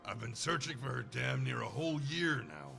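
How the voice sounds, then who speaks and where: A man voicing a grim, weary mercenary in a game, talking curtly and gruffly. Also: medium pitch, animated, moderate pace, pushed and bright, soft background music, heavily acted. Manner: gruff, brooding, curt. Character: grim weary male mercenary searching for his wife. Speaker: game character. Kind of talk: game voice acting.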